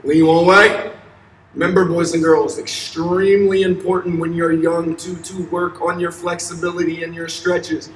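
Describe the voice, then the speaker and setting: In a big, empty school gymnasium, a young male elementary physical education teacher with a high voice demonstrates exercises for kids, giving simple, short, upbeat and encouraging directions. His delivery is flat at a moderate pace. A camera a few steps away captures echoey, distant sound with slight background noise.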